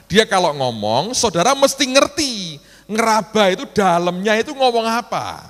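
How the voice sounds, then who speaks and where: Lively preacher in a big hall. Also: male voice, high voice, normal speed. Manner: colloquial storytelling, acts out dialogue in shifting voices; addresses the congregation as saudara. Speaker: pastor. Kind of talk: sermon. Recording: live church sermon in a reverberant hall.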